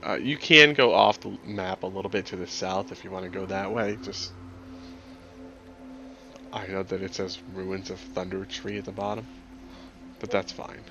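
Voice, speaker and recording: A man's voice: sits low, moderate pace, long pauses, sharp tone, lo-fi sound, slight background noise. A man running a tabletop game as game master, talking in a rambling, chatty way and laughing often.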